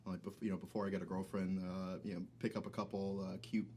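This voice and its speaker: A man's voice: sits low, flat delivery, quick pace, a little mellow, slight background noise. A man, a military veteran and podcast guest, chatting casually and bluntly with heavy swearing. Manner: profane, blunt. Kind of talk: casual chat.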